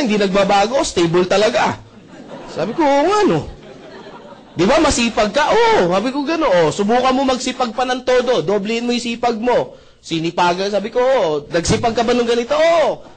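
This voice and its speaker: High-voiced Filipino man telling a story. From Philippines. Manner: animated, acts out dialogue with frequent asides to the audience. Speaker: motivational speaker. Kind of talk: storytelling business talk to an audience.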